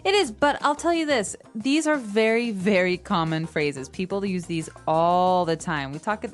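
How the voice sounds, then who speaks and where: A woman's voice: medium pitch, animated, moderate pace, soft background music. A woman co-hosting a language-learning podcast, explaining grammar in casual chat with everyday examples. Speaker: podcast co-host.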